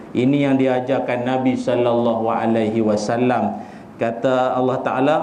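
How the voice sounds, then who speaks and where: A man with a Malaysian accent giving a humorous sermon, animated and joking as he acts out little scenes. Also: medium pitch, slight background noise. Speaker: preacher. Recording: echoey hall with faint ambience.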